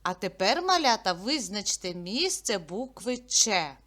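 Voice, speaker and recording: A woman teaching a literacy lesson to young children, speaking patiently and clearly and drawing out each sound. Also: mid-range voice, sing-song, a little slow, a bit bright.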